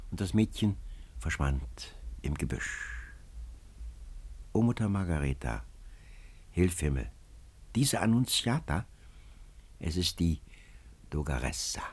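A man's voice: sits low, sing-song, slow pace, long pauses, darkish tone, slightly rough, pitched below the performer's own voice, heavily acted. A man voicing a lovesick, anguished young man telling of his past with impassioned swells and drops.

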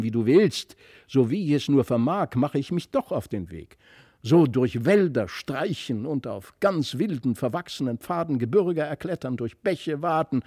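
A man's voice: mid-range voice, a little mellow, dry recording, clean studio sound, pitched above the performer's own voice. A man voicing an eager young boy who boasts of bold adventures in a fairy-tale audiobook.

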